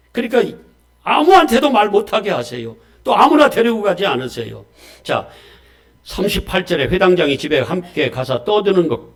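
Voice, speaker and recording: A male pastor preaching a Sunday sermon, swinging between loud emphasis and quiet asides and calling on the congregation for amens. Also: fairly high pitch. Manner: asks the congregation questions and calls for amens.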